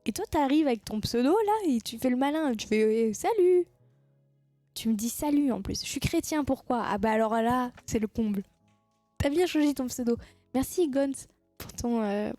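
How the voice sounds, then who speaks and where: A woman's voice: fairly high pitch, moderate pace, mellow, dry recording, soft background music. A woman chatting casually with her viewers on a live stream, teasing them and laughing at her own jokes.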